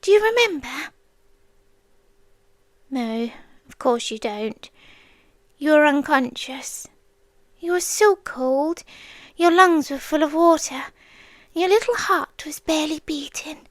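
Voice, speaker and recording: This ASMR roleplay features a British woman as a possessive female sea demon with a childlike manner, tender and a little eerie. She speaks in a high, soft, breathy voice that often slips into a whisper, pausing slowly to coax. Recorded dry, her mood is tender and full of wonder.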